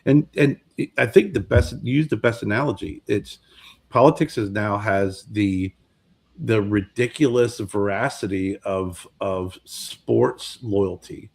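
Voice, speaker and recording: A low-voiced man in his fifties talks casually on a podcast. He rambles and circles back over his words as he works out a point. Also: slow pace, creaky, husky. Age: 50s. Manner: rambling, repeats words while searching for them. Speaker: podcast co-host. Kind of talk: casual chat.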